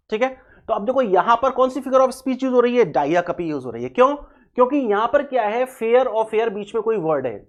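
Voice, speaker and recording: A man teaches an exam-prep English class in a video lecture. He mixes Hindi with English terms and walks through each point step by step. He keeps repeating the key words and spells them out letter by letter. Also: high-pitched.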